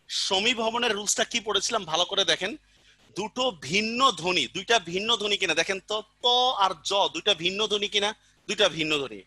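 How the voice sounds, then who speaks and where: Bright, dry-voiced male teacher. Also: high voice, no echo. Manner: keeps asking students check questions; repeats and spells out examples patiently. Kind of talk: online exam-prep grammar lesson.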